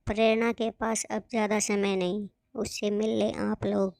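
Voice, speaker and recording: A woman voicing a solemn male doctor who gravely delivers bad news in a measured way. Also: medium pitch, little pitch movement, darkish tone, no room sound, clean studio sound, natural voice.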